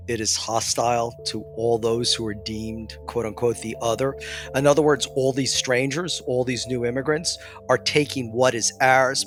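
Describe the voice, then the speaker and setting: A man's voice: medium pitch, fairly bright tone. A man answering as an expert guest in an articulate, emphatic way. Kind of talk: interview answers.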